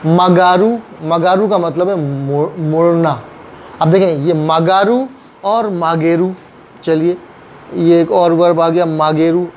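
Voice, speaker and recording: A man with an Urdu-speaking Pakistani accent patiently teaches Japanese grammar in a classroom lesson, repeating each phrase and acting out example sentences. His voice sits on the high side with a steady, darkish tone and a slow pace, on dull audio with a little hiss or hum.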